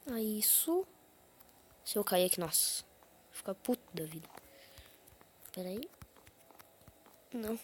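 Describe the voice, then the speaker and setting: A woman's voice: medium pitch, lively intonation, a little slow, pauses often, slight background noise. A woman casually commenting on her own gameplay, counting under her breath, whispering asides and breaking into sudden frustrated outbursts. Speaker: gaming channel host.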